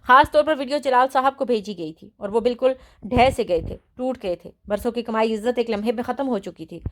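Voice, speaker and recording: A woman with a fairly high voice reads a romance novel aloud. Her narration is steady and storytelling in tone, carrying the reader through the plot. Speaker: audiobook narrator.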